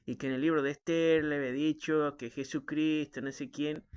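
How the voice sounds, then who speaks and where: A man's voice: fairly high pitch, steady tone, normal speed, smooth. A man with a Rioplatense Argentine accent, talking in a loose, rambling, sardonic monologue and tagging his sentences with questions to the listener. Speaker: show host.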